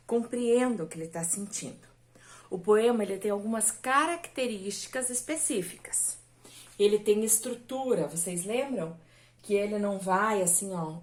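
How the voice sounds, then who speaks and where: A woman's voice: medium pitch, darkish tone. A woman teaching a recorded lesson to children, patient and stretching words out syllable by syllable.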